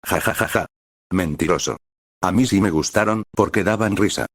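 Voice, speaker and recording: A man voicing a loud, brash young male fighter who talks bluntly and boastfully. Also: low voice, normal speed, no room sound, clean studio sound.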